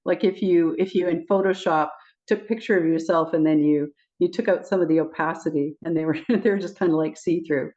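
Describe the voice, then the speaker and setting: A woman guest casually telling spiritual stories, laughing often and acting out her own quoted lines in a high squeaky voice. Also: brisk. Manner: giggly, animated, acts out quotes with high squeaky voice. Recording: dull lo-fi audio.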